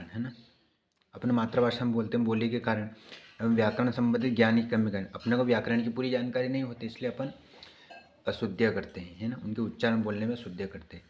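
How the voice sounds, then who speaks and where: A man teaching grammar in an online exam-prep class, explaining patiently and repeating key points with frequent checking questions. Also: mid-range voice.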